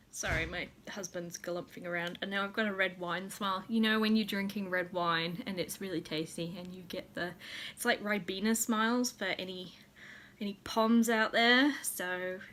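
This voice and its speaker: A woman's voice: mid-range voice, a bit bright, a little hiss or hum. A young woman with a New Zealand accent chatting casually as a vlogger, giggly and a little tipsy, laughing often and swearing freely. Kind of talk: casual chat.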